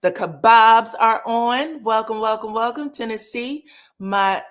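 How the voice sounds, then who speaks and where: This woman runs a reality TV recap livestream, chatting in an easygoing way and calling out viewers by name. Her fairly high voice is a touch scratchy, and she doesn't rush.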